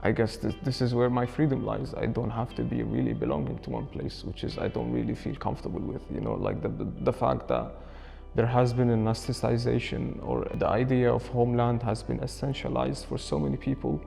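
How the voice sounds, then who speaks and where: Gravelly-voiced young man, reflective. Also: medium pitch, steady tone, brisk, warm tone. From Syria. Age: early 20s. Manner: thoughtful, searching for words. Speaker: student interviewee. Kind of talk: reflective documentary interview. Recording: reverberant space with faint music.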